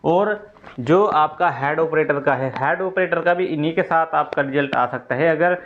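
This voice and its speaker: With phone-quality sound and slight background noise, a man with a slightly high voice speaks at normal speed as an exam news presenter. He explains updates to candidates informally, step by step, restating key points.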